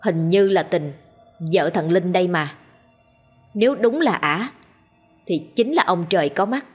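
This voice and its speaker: A woman narrates a ghost story with steady drama. Her voice sits low and sounds breathy, with soft music underneath. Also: unhurried.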